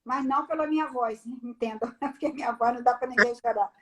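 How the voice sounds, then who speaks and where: High-voiced woman giving a testimony. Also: brisk. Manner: animated storyteller, acts out the dialogue. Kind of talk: personal testimony on a live stream.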